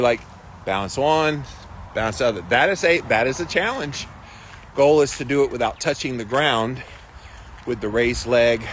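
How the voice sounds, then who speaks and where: A man's voice: medium pitch, fairly bright tone, a little hiss or hum. A man hosting a casual livestream, reading out and answering viewer comments in an encouraging, emphatic, colloquial way. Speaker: livestream host of a daily ice bath challenge.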